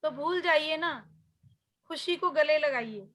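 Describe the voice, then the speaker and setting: Bright high-voiced woman teaching healing. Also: takes it slowly. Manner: storytelling, earnest and conversational, often drops soft. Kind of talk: spoken healing class talk.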